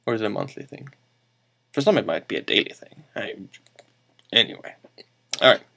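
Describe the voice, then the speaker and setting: A man's voice: on the low side, expressive, a little fast, gravelly, pushed and bright. A man hosting a show and telling an improvised comic story, rambling, correcting himself and making playful asides.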